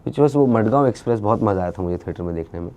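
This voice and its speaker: A man speaking as an interview guest, talking in an animated, casual way and dropping English phrases into his speech. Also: fairly low pitch, rapid-fire, dull audio. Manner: animated, mixes English into speech, many fillers. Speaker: interview guest, actor and creator.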